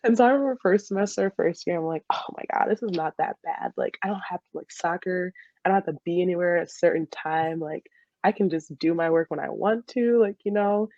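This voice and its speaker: With a fairly low, darkish voice and a fairly quick pace, a twenty-something American woman guesting on a podcast chats through casual stories, giggling and using "like" often. She's a dental student and soccer player. The muffled recording carries no room sound.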